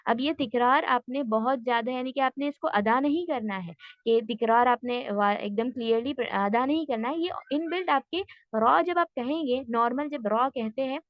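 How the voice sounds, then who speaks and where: A woman teaching a tajweed class online, patiently explaining step by step and slowly modelling sounds. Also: high voice, dry recording, highs cut off.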